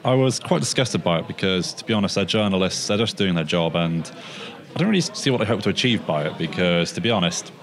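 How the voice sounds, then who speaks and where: A man's voice: deep voice, expressive, fast talker. A young male student talking outdoors, indignant and repeating his points. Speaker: student interviewee. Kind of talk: casual vox-pop answers.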